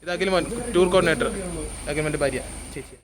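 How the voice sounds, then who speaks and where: A man's voice: on the high side, quick pace. A young man casually vlogging a trip with his friends, teasing them and introducing each one to a handheld camera. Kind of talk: casual travel vlog with friends. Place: among a group on a road trip, by a bus. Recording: busy group chatter around.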